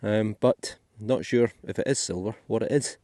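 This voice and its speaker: A man's voice: lowish voice, moderate pace, warm tone, no room sound, studio quality. A Scottish man giving chatty, thinking-aloud commentary as he digs finds in a field for his metal detecting vlog. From Scotland. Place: outdoors in a field.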